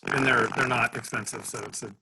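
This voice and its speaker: A man with a gravelly, flat-toned voice chats on a video call, hesitant with frequent fillers. Clear background noise runs under the call audio. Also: mid-range voice, a little fast. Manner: hesitant, lots of ums and repeats. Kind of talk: casual video call chat.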